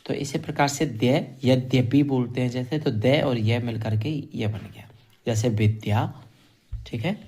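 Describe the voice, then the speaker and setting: Male teacher, mid-pitched, patient drilling pace, repeats each syllable. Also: warm tone. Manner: slow, drilling sounds one by one, repeating syllables. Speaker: Sanskrit teacher. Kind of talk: classroom grammar lesson.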